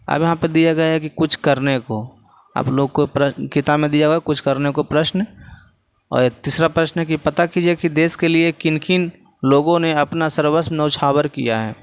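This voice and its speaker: A man's voice: on the high side, clear, resonant tone. A male teacher with a Bihari Hindi accent explains textbook answers to students, often repeating phrases as he points to the page.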